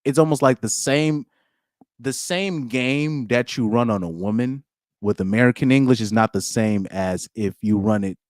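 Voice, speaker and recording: A man's voice: medium pitch, normal speed, no room sound, clean studio sound. Slangy rambling young man on a live stream. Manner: rambling, lots of restarts and slang. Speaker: podcast host reading live chat. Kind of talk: casual live-stream chat.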